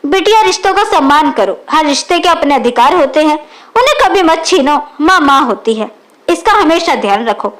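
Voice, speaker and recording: A woman's voice: high voice, very animated, normal speed, a bit bright. A woman reading the lines of a wise, loving older mother who is firm with her daughter, in a storybook reading.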